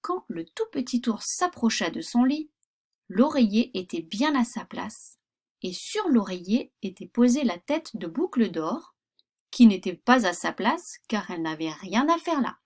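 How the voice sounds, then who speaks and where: Slow, expressive woman reading a tale. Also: mid-range voice, husky. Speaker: storyteller. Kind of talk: storybook reading for children.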